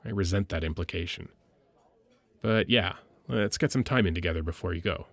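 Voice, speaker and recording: This deep, gravelly-edged male voice performs a military medic lieutenant from a sci-fi audio drama as intimate ASMR roleplay. His talk is brisk, casual, conversational, teasing and a little hesitant, fond and caring beneath the gruff exterior. The recording is dry and close, with no room sound.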